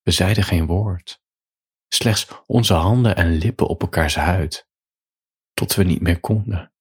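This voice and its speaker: A man with a low, husky voice reads his own short story aloud. He paces it calmly and reflectively, with emotion held just under the surface. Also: measured pace. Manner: calm, reflective reading with quiet emotion. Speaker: writer and writing teacher.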